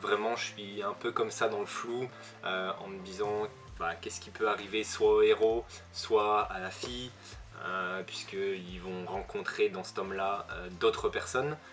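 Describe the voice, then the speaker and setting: Chatty man with a bright voice. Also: fairly low pitch, steady tone, a little slow, faint music behind. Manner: chatty, with frequent hesitations and self-corrections. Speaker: manga reviewer. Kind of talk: casual spoken review.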